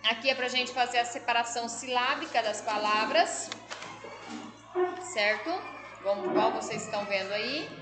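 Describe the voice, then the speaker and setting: A woman's voice: a little high, moderate pace. Woman teacher, patient and explanatory, keeps checking in with pupils; roomy echo, music bed underneath. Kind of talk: remote school lesson, reading and explaining exercises. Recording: echoey room with background music.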